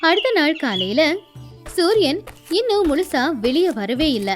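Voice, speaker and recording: A woman with a high voice narrates a moral tale. She reads clearly and at a measured pace. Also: big pitch swings, soft background music. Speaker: storyteller. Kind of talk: storybook narration.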